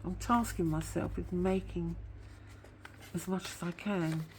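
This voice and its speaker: A craft vlogger chats casually in a show-and-tell video, rambling and admitting she waffles. A sore tooth makes her voice sound slightly whiny; it is fairly low and fairly even, a little slow, with a noisy background.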